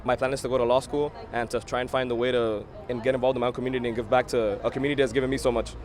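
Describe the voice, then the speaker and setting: A man's voice: mid-range voice, level tone, very fast. An eighteen-year-old man from Miami, a college student and first-time voter, speaking earnestly with "like" fillers in a street interview. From Miami, Florida. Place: outdoors at an election event.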